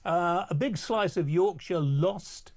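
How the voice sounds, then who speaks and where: A man hosting a live late-night talk radio show with smooth host patter, bringing callers on air and chatting with his co-host. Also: high-pitched, slow pace, dry recording. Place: radio studio. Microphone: studio microphone.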